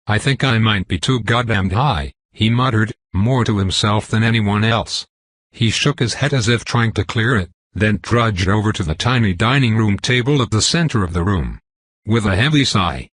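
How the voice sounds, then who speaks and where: A man's voice: on the low side, fairly bright tone, husky, dry recording. A man narrating a comedic fantasy audiobook in the first person, wry and profane.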